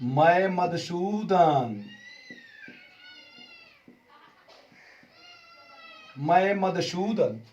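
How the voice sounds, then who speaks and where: A man's voice: sits high, lively intonation, a little slow, dark tone, lo-fi sound, slight background noise. A man voicing Krishna, an affectionate young suitor, while retelling a story in a lesson. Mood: coaxing.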